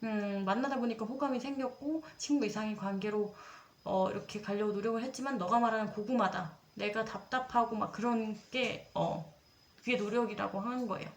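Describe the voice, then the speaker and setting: A woman's voice: medium pitch, brisk. A young woman in her twenties telling a personal dating story in a casual, confessional way, chatting straight to her viewers and acting out what people said. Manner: chatty, dramatizes quoted lines, addresses viewers directly. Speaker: storytelling creator. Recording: roomy echo.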